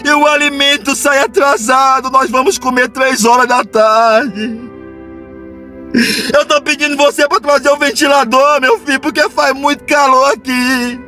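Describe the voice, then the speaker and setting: A man's voice: very high voice, steady tone, measured pace, bright, forceful tone, faint music behind, heavily acted. A man voicing a pleading old dying mother. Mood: tearful pleading. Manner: pleading, repeats "meu filho". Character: dying elderly mother in a nursing home, pleading.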